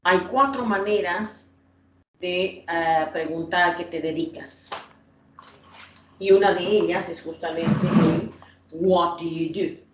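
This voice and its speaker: A woman's voice: fairly low pitch, slow, dull audio, a little hiss or hum. Spanish-speaking woman teaching, distant, roomy sound. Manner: patient, repeats points and quizzes students by name. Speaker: English teacher. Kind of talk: online class explanation.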